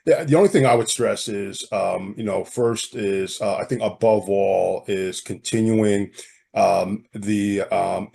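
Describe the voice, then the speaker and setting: A man with a cold speaks on a video call, his low voice gravelly and rough with fry. He pauses often and fills gaps with ums as he gives feedback. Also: a little mellow. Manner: hesitant, many fillers. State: hoarse from a cold. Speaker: steering group member. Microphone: video call, off camera.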